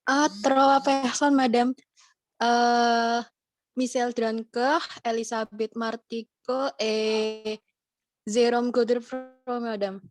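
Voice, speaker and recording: A woman student answering a French teacher hesitantly, with many pauses. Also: a little high, level tone, faint music behind. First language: Indonesian. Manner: hesitant, adds "madame" to answers. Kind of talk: answering in class.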